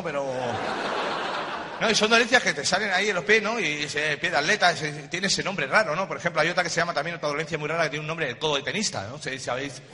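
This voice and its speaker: A man's voice: on the high side, very noisy. A middle-aged man doing a stand-up comedy monologue on a live stage, talking in slang and bantering with the audience. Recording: live show with loud crowd laughter.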